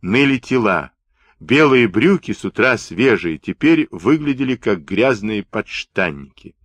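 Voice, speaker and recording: A man narrating a book in an expressive, dramatic storytelling manner on a close mic. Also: on the low side, unhurried, dry recording. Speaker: audiobook narrator.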